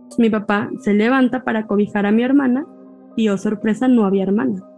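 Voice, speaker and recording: A woman with a Mexican accent, a podcast guest, tells a personal story in casual conversation, animatedly acting out her family's dialogue. Her voice is a little high with vocal fry, and she talks fast. Faint music plays behind her, and the audio is poor.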